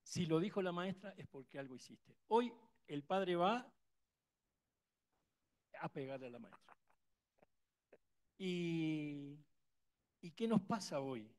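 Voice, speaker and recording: A man in a conference audience asks a question with an impassioned remark, his Argentine Spanish accent clear as he rambles emphatically and keeps restarting. He speaks slowly with long pauses, in a fairly high-pitched voice with lively intonation.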